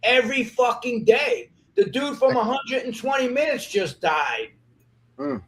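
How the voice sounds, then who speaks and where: Interview guest, man, higher register, heated profane rant. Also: sing-song, a little hiss or hum. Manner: angry, profane, rapid ranting.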